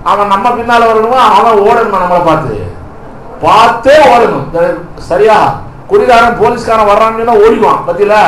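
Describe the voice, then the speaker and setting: A man's voice: sits high, a little hiss or hum. A male pastor preaching a fervent sermon, firing rhetorical questions at the congregation and punctuating with hallelujah and amen. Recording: echoey hall.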